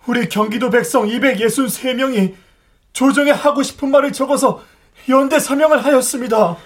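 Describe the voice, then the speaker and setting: High-pitched, anguished peasant petitioner. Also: female voice, fairly quick. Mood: bitter pleading. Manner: deferential, emphatic, anguished pleading. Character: desperate peasant petitioner of old Korea, pleading bitterly. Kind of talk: historical radio drama acting.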